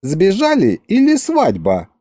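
Male reader doing a high, swooping, excitable young vampire girl, dreamy storybook figure. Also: dry recording, exaggerated voice. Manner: sighing, drawn-out, breathless gushing. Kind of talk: audiobook character reading.

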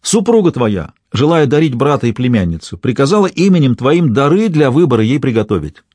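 A man's voice: mid-range voice, very animated, fairly quick, a little mellow, breathy edge, dry recording, voice pushed up. Man doing fearful boyar treasurer, pleading, raised voice, archaic courtly words, dry audiobook sound. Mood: earnest.

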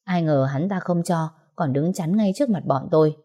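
A woman narrates an audiobook in the first person, in speech. Her voice is low-set and mellow, and her delivery stays steady and even. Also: normal speed.

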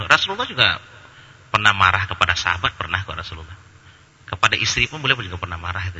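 A man giving a lively religious lecture with a very bright, husky voice. He keeps it humorous and colloquial, acting out little anecdotes. The sound carries a long hall reverb. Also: fairly low pitch, dull audio. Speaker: Islamic preacher answering questions.

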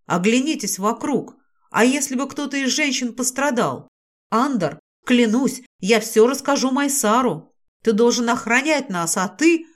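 A woman voicing a commanding but caring young woman in an audiobook, firm and steady. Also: high voice, normal speed, pitched above the performer's own voice. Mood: stern. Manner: firm, scolding then soothing. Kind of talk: audiobook character voice.

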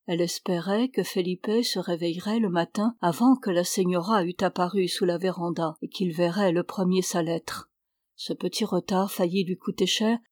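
A woman reading a novel aloud as an audiobook in a measured, even storytelling manner. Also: on the low side, no echo, studio quality. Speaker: audiobook reader.

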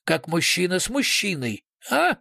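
A man's voice: sits high, huge pitch swings, a little slow, vocal fry, sharp tone, no room sound, studio quality, heavily acted. A man voicing a brutal male police investigator who switches between sugary politeness and snarling threats. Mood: mock-polite.

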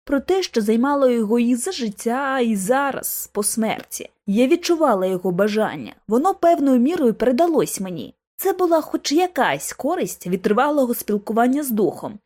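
A woman narrating an audiobook in the first person, with expressive, dramatic delivery. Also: on the high side, brisk, hardly any pauses. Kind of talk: scripted narration.

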